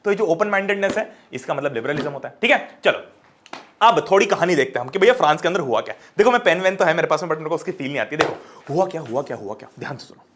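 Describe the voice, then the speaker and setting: A man in his twenties teaching an online class lecture, energetic and chatty, talking straight to his students. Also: on the high side, racing, a little hiss or hum. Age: 20s.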